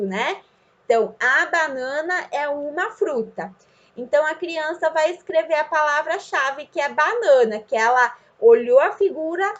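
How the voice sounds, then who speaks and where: A young woman, a student teacher, patiently demonstrating a classroom activity and drawing out words slowly as if for a child. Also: high-pitched. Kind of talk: instructional demonstration. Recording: slightly dull lo-fi sound.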